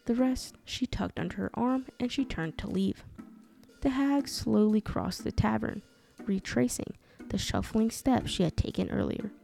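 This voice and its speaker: Gravelly woman narrating a dark tale. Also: fairly high pitch. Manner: dramatic, measured reading. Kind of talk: scripted storytelling narration. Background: soft music.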